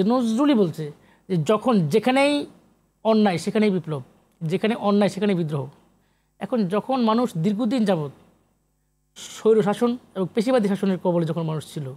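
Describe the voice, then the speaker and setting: Pausing often at a moderate pace, this talk show guest, a middle-aged sociologist and literary researcher with a Bangladeshi accent, speaks in a high, expressive, slightly mellow voice. He explains things at length and emphatically, repeating phrases and using English terms.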